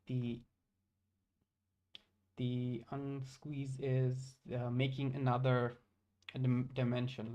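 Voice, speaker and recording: A young man, thinking aloud while coding on a live stream, halting and correcting himself with many fillers. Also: mid-range voice, warm tone, lo-fi sound. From Bangladesh.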